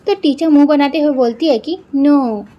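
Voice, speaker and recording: High-voiced woman retelling a drama. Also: a little fast, dull audio. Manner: retells each line with "then he says that", frequent "na" fillers. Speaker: drama recap narrator. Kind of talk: casual storytelling recap.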